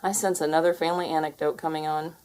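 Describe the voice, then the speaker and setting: A woman's voice: sits low, level tone, fast, a little mellow, smooth, natural voice. A woman voicing a mischievous, sarcastic male cat as a storybook character. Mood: dry sarcasm.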